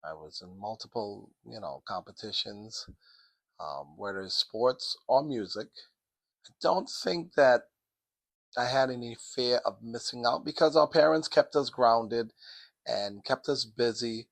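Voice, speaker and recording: Middle-aged man from the Caribbean, interview guest, unhurried and low, close dry mic. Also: creaky, dry recording. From Sint Maarten, Dutch Caribbean. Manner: slow, measured, with frequent ums. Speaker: interview guest, math teacher. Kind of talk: casual interview.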